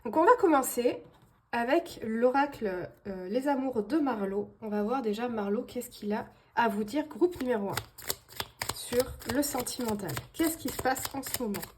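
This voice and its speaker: A woman's voice: a little high, expressive, moderate pace, a little mellow, husky. Hesitant woman reading tarot. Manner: hesitant, many fillers and restarts. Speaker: tarot card reader. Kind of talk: casual tarot reading to viewers.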